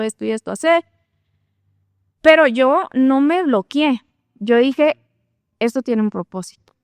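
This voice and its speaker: A woman, telling her testimony in an animated, conversational way and acting out her own thoughts. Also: a little high, clear, resonant tone, dry recording, clean studio sound. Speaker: guest sharing testimony.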